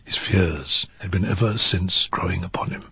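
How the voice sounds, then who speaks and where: A man playing an unhinged, cunning murderer who confesses in dramatic fireside storytelling, with theatrical drawn-out words and a gravelly voice that slips into whispers. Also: bright, forceful tone, no echo, heavily acted. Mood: grim, hushed. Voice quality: low gravelly voice breaking into whispers and high cackles. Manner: theatrical, drawn-out words, sudden swings in pitch and pace. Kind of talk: dramatic fireside storytelling of a gothic horror tale.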